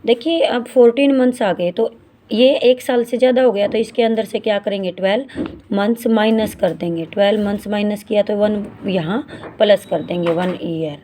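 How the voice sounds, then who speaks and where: A woman in her forties teaching a maths lesson, reading English word problems slowly and explaining each step in Hindi, calling her students beta. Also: mid-range voice, fairly even intonation, mellow, slight background noise. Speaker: math teacher.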